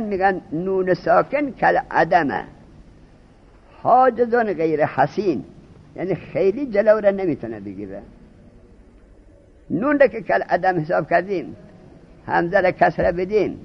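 Lively-pitched man lecturing a class. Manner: asks students questions and repeats key terms. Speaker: teacher of Arabic morphology. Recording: dull, husky lo-fi recording.

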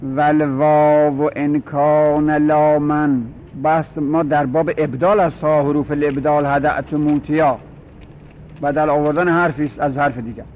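Man teaching a grammar class, slightly high. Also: fairly even intonation, a little hiss or hum. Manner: drawls out example words slowly, poses and answers his own questions. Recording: dull lo-fi recording.

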